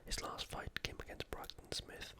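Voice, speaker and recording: Speaking at a normal speed, an ASMR host previews sports in an analytical yet informal way, a little hesitant, using a breathy whisper with no voicing.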